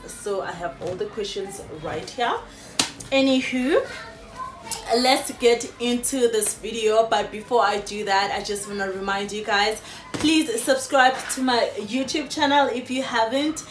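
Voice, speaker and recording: Sitting on a sofa in a small room, a South African YouTuber in her late twenties chats warmly with viewers in a Q&A vlog, using lots of fillers. Her voice is a little high and her pace measured. The phone-camera recording sounds roomy, with slight background noise.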